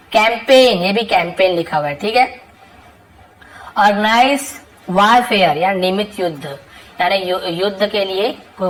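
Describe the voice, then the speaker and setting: A woman's voice: fairly low pitch, poor audio. A woman teaching English vocabulary, who patiently repeats each word and its meaning. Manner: reads English words slowly and carefully. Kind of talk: reading a word list with Hindi explanations.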